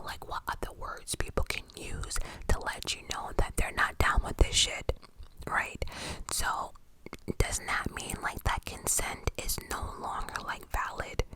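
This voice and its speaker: Woman in a breathy, close-up ASMR whisper. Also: poor audio. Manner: informal, opinionated, emphatic repetitions, swearing. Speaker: ASMR creator. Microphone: close-up cupped USB condenser microphone.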